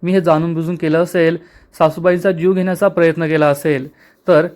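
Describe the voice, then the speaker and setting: A man's voice: on the high side, level tone, fairly quick, darkish tone, natural voice. A man reading the lines of an urgent, pleading young village woman.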